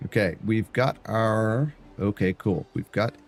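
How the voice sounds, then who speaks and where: A man's voice: fairly low pitch, unhurried. A man streaming live, chatting loosely through gameplay and often stumbling over and repeating his words.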